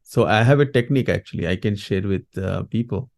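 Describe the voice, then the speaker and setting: A man with an Indian accent and a mellow, gravelly voice. He explains things as an interviewed coach, reflective and halting, in a lowish register. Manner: halting, reflective, often adds "you know" and "right". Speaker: grief coach, interview guest.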